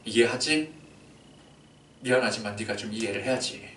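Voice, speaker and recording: Brief: pastor voicing God, deeper, hushed and fatherly, echoey hall, distant mic. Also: flat delivery, normal speed, a little hiss or hum. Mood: soft apologetic. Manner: soft, intimate, fatherly address. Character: God, calm elderly male divine voice.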